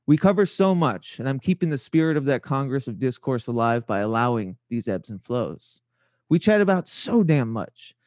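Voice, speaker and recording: A man's voice: medium pitch, darkish tone, dry recording. Theatrical man narrating, dry close sound. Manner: theatrical, florid and ornate delivery. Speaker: podcast host. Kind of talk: scripted podcast introduction narration.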